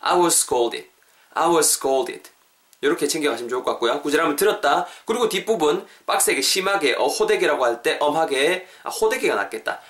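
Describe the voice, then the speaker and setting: Lively English-teacher host. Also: male voice, a little high. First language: Korean. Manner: lively, drills English phrases slowly, repeats words. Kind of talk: casual podcast lesson.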